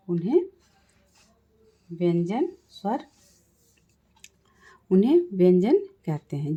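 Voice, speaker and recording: A woman teaching Sanskrit grammar, explaining slowly, repeating points and asking and answering her own questions. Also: mid-range voice, dark tone. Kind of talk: classroom-style lesson explanation.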